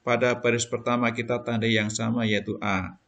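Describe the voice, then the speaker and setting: A man's voice: mid-range voice, level tone, brisk, vocal fry, a bit bright, dull audio. A male primary school teacher giving a recorded lesson, explaining patiently step by step to children.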